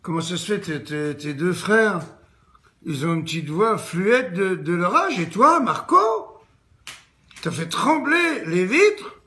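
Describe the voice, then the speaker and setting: A man's voice: high voice, very animated, takes it slowly, sharp tone, full character voice. A man voicing a schoolteacher woman who coos over her pupils in a sing-song way. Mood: astonished.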